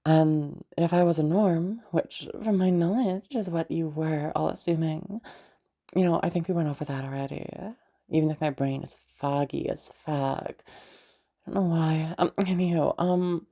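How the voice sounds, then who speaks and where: A woman voices a crazy, flirtatious female patient who teases and rambles while confessing wistfully to her doctor, in an intimate one-sided audio drama. She speaks low and dark with fairly even intonation, hesitating often with pauses and hums.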